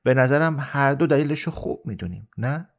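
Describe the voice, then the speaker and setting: A dying older man, gentle yet persuasive, who talks in a calm and earnest way, as a male reader voices him. His voice sits fairly low, in the measured tone of an audiobook reading. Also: close to an everyday voice. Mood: stern.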